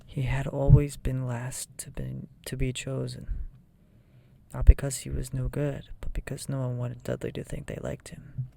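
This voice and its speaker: A person reading a children's fantasy novel aloud in a soft, breathy ASMR whisper. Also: medium pitch, monotone, normal speed. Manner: soft whisper, often voiceless.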